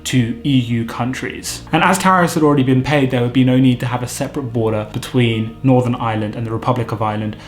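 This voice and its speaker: A man hosting a vocabulary lesson, explaining terms clearly with light jokes. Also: medium pitch. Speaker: vocabulary teacher, channel host. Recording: echoey room with faint music.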